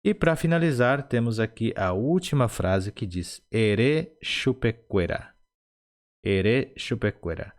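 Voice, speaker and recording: A man teaching short phrases, speaking Portuguese with Spanish as his first language, patient and explanatory, repeating each phrase slowly syllable by syllable. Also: mid-range voice, expressive. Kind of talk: slow instructional explanation.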